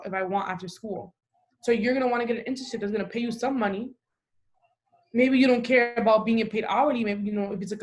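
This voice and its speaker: A young woman from the Dominican Republic, talking casually on a podcast, emphatic and full of "like" fillers. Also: medium pitch. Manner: talkative, frequent "like" fillers, emphatic. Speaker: podcast host.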